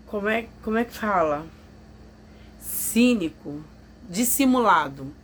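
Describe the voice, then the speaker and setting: A woman with a mid-range voice shares a personal testimony with her viewers, confiding and emotional as she acts out what other people said. The vlog recording has a little hiss or hum.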